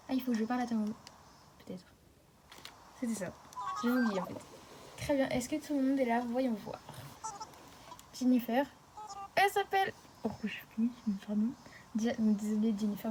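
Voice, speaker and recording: Young woman chatting fast over her game, slangy, mellow and a bit high. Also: slight background noise, poor audio. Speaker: gaming video creator. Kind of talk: casual gameplay commentary.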